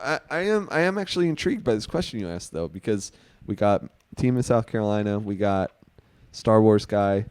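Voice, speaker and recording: A man co-hosting a podcast, talking in an animated way and swearing freely. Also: on the low side, fairly quick, hardly any pauses, clean tone, dry recording. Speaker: podcast co-host. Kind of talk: casual chat.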